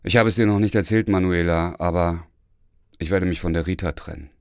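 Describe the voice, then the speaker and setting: A man doing a sad, earnest older gentleman. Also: deep voice, fairly quick, clean tone, no echo, studio quality. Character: sad middle-aged man, gentle and resigned.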